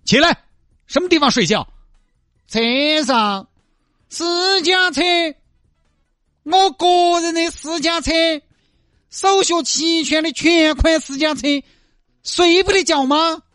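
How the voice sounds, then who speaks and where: A man's voice: very high voice, slow, pauses often, fairly bright tone, no room sound, studio quality, soft background music, voice pushed up, heavily acted. A man voicing a stern, impatient traffic policeman, curt and barking.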